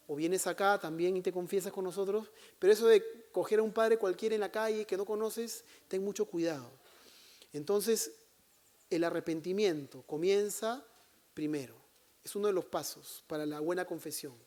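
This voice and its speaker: A man's voice: high voice, darkish tone. A male priest preaching a sermon in a conversational way, putting questions to his congregation and teasing them.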